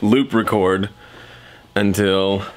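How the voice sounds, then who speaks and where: A man's voice: fairly low pitch, fairly even intonation, drawn-out words. A man chatting casually as a vlog host in a playful, self-deprecating way, his S sounds whistling slightly through a gap in his teeth. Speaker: vlogger and podcast host.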